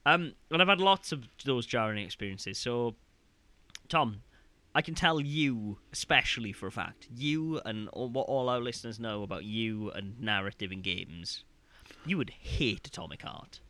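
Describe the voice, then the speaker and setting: Young male podcast co-host, animated and rambling, crisp bright tone. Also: medium pitch, moderate pace, no room sound. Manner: rambling, animated, quotes game lines in mock voices. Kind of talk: casual podcast chat.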